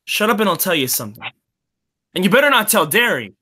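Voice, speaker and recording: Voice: mid-range voice, big pitch swings, fast talker, sharp tone, slightly rough, full character voice. A performer playing a protective teenage greaser older brother in a school play, who speaks in a reassuring, confiding way. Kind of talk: school play read remotely.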